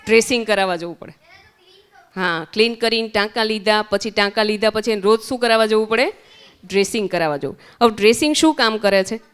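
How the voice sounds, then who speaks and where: A woman's voice: medium pitch, fast, smooth. A woman with a Gujarati accent teaching children at a summer camp, asking them questions and repeating their answers. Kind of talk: interactive lesson with children. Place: centre hall.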